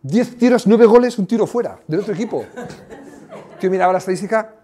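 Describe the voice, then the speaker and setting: A man, a former coach giving a motivational talk, telling lively anecdotes with sound effects. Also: sits high, fairly quick. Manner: animated storytelling with sound effects.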